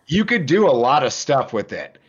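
A man's voice: medium pitch, big pitch swings, normal speed, dull audio, a crowd in the background. A man guesting on a podcast, thinking aloud in casual chat with hesitant restarts.

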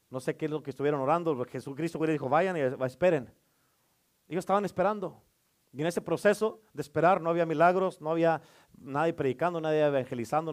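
A man preaching a sermon as a pastor, emphatic, with rhetorical questions and calls for amen. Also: a little high.

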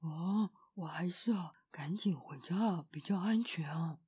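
A woman's voice: lowish voice, a little slow, warm tone, slightly rough, voice pushed down. A woman voicing a tiny, jumpy little man from a storybook who is terrified of everything, shrieking and stammering in panic. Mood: fearful whisper. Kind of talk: storybook reading.

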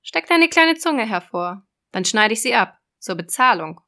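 A woman voicing a cruel, scheming old sea witch in a storybook reading, loud and sneering. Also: on the high side, very animated, a little slow, full character voice. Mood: menacing, sneering.

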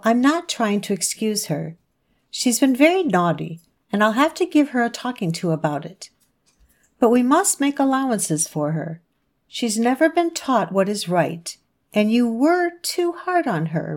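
A stern but fair older spinster, firm and measured, as a woman plays her. Her voice moves lively up and down in a radio play. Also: a little high.

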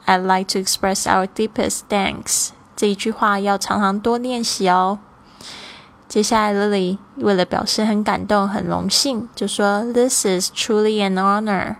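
A woman with a Taiwanese Mandarin accent teaches English in an upbeat, explanatory way. Her pitch sits in a moderate middle range. She slows down deliberately whenever she demonstrates a word. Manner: cheerful, explanatory, slows down for examples. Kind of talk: online language lesson.

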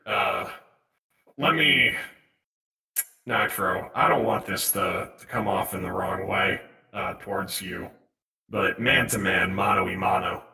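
A man's voice: low-pitched, animated, takes it slowly, pauses often, pushed and bright, echoey room. A man talking through a voice changer mixed with auto-tune, a tabletop game player roleplaying in blunt, teasing banter. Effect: voice changer filter mixed with auto-tune.

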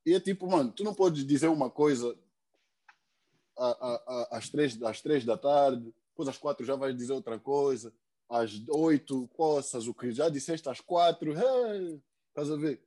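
A man's voice: medium pitch, moderate pace, mellow. A young man, talking earnestly as a podcast guest, stumbling over repeated words and tags. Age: young adult. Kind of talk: casual chat.

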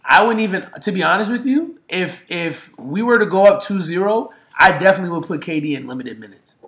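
A man co-hosting a casual sports talk podcast, talking with rising excitement. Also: high voice, a little fast, roomy sound. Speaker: podcast co-host.

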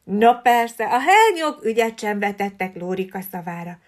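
A woman reading a children's story aloud, expressive and often dropping to a breathy hush. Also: medium pitch.

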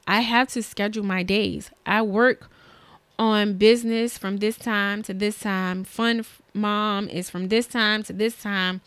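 A woman hosts her own podcast in a solo monologue, her medium-pitched voice a bit bright and free of room sound. She talks earnestly and chattily about her schedule and goals, with a motivational tone.

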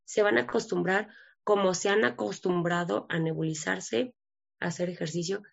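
Earnest woman, gravelly lo-fi voice. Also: fairly low pitch, normal speed. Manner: earnest, emotional, acts out dialogue. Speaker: guest. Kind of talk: personal testimony in an interview.

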